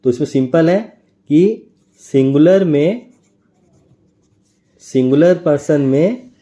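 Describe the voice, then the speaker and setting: Man teaching grammar with a dark voice. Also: on the high side, slow pace. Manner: explains step by step, checks with a tag question. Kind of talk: grammar lesson.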